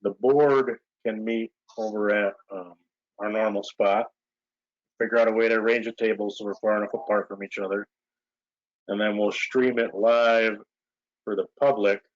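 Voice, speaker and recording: Low-voiced mayor, rambling and relaxed. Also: male voice, moderate pace, no room sound. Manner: relaxed, rambling with many fillers. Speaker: village mayor chairing board meeting. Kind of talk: casual meeting talk. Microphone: video call. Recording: muffled lo-fi video call audio.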